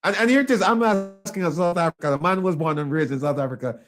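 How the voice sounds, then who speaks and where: A man's voice: fairly high pitch, quick pace, fairly bright tone, soft background music. A Jamaican man hosting an interview, asking earnest questions and leaning on "you know" and restarts. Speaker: talk show host.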